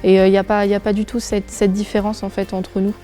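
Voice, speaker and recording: A woman's voice: medium pitch, monotone, fast, dark tone, faint music behind. A woman in her twenties, a nurse and volunteer firefighter, searching for words in an interview with many hesitations. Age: 20s. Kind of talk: interview testimony.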